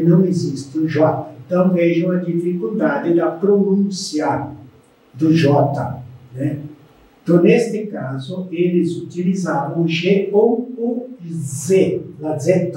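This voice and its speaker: An older man teaching a language lesson in a slow, deliberate way that often ends with a questioning "né?". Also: fairly high pitch, mellow, slight background noise. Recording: echoey room, voice far from the mic.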